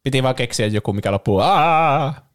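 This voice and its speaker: A man with a somewhat low voice chats easily on a podcast. He mostly adds short, dry remarks to his co-host's recap. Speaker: podcast co-host. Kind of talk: casual chat.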